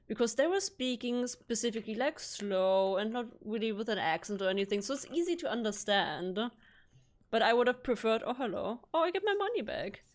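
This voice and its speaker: A woman chatting casually while streaming a video game, rambling along with quick self-corrections. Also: mid-range voice. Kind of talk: casual chat while gaming.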